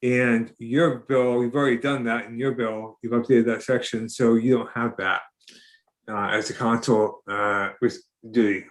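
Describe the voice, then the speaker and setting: Halting man explaining bill language. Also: mid-range voice, fairly even intonation. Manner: methodical, halting, many fillers. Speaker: legislative counsel. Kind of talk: committee hearing explanation.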